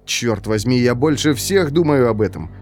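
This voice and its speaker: A man's voice: medium pitch, lively intonation, moderate pace, darkish tone, lightly acted. A man voicing a nervous young male newcomer in prison who talks in a tense, defensive way.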